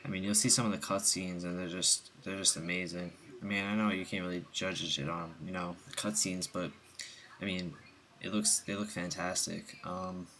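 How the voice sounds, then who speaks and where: A man's voice: low voice, pushed and bright, slight background noise. A young man with the hiccups giving a rambling, casual game review voice-over, full of ums and restarts.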